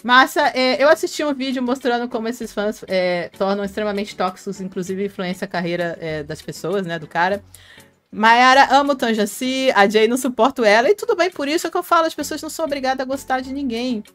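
This Brazilian streamer's voice sits a little high, with a brisk pace and a fairly bright tone. Through a headphone mic, she laughs a lot while reading comments aloud and greeting fans by name on her casual live stream, her Brazilian Portuguese accent clear over soft background music.

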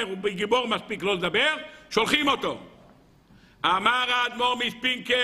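A man's voice: high voice, bright, forceful tone. A male rabbi giving a sermon, telling a story dramatically and acting out its voices.

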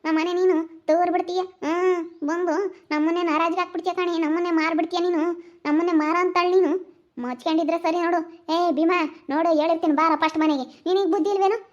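Woman as a shrill scolding village mother. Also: steady tone, quick pace. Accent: rural Chitradurga Kannada. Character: scolding village mother, sharp-tongued, protective of son. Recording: muffled lo-fi recording.

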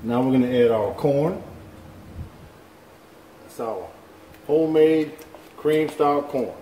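A mellow, mid-range male voice, unhurried, belongs to a home cooking show host working at his kitchen stove. He explains each step casually and folksily, recorded by a camera above the stove that shows his hands. Soft pan noise drifts through the echoing kitchen.

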